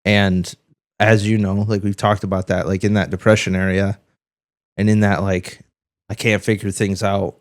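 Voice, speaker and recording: A man's voice: on the low side, flat delivery, moderate pace, dry recording, studio quality. A man co-hosting a podcast in casual chat, rambling and swearing freely, a bit under the weather. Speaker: podcast co-host.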